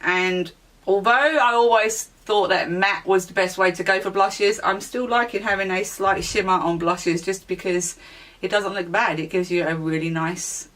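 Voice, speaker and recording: A woman beauty vlogger in a relaxed, chatty product review, with plenty of ums and small self-corrections. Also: fairly low pitch, measured pace, recorded from a distance. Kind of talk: casual product review chat.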